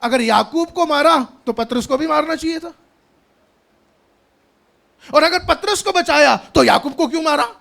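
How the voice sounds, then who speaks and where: A man's voice: extremely high pitch, normal speed, gravelly, long pauses, fairly bright tone. A man preaching a sermon as pastor, emphatic, often raising his voice and repeating lines after a reader.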